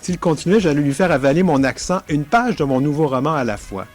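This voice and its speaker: A man's voice: fairly high pitch, expressive, brisk, faint music behind. Wry Québécois man reading his story. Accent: Québécois French. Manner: wry, self-mocking storytelling. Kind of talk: literary reading.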